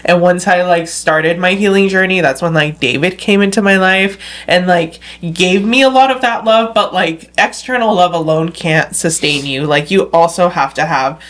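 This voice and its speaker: Lowish-voiced woman host, rambling reflectively. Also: moderate pace, hardly any pauses. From Los Angeles. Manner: reflective, filler-heavy, says like constantly. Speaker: podcast host. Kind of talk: casual interview chat.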